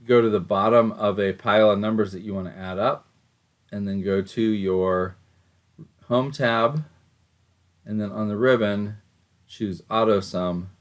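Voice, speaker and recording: A man giving an informal software tutorial, explaining each step as an instructor. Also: fairly low pitch, steady tone, unhurried, long pauses.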